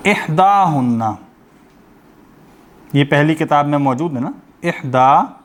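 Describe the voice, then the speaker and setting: A man's voice: on the high side, expressive, measured pace. A man teaching a grammar lesson over an online class. He explains step by step, asking the class questions and then answering them himself.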